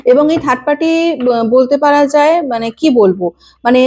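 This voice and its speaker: A woman with a sore throat giving a tarot reading, halting and often clearing her throat between phrases. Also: high voice, a little mellow, a little hiss or hum. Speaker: tarot reader.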